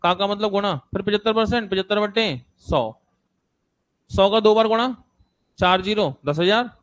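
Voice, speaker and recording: A man's voice: high-pitched, normal speed, fairly bright tone. A man teaching a maths class to seated students, repeating numbers and steps aloud and checking that students follow.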